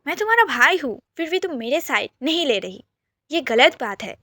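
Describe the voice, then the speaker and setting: A woman doing a loud teasing brother. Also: sits high, sing-song, moderate pace, no echo, exaggerated voice. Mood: teasing, mock-indignant. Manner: loud, mock-outraged teasing. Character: teasing protective young adult brother.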